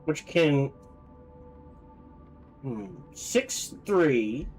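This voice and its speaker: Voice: mid-range voice, very animated, drawn-out words, darkish tone, soft background music, low-quality recording. A game streamer giving casual gameplay commentary, thinking aloud.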